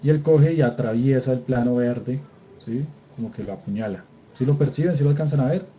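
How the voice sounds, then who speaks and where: A young Colombian man lecturing over a video call, his voice mellow and relaxed. He talks informally and keeps checking that everyone can follow along. The audio is a bit dull, with the faint clatter of typing behind him. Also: medium pitch, a little fast, a little hiss or hum. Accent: Colombian Spanish. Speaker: engineering drawing lecturer. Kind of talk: online class lecture with screen demo. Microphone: computer mic on a video call.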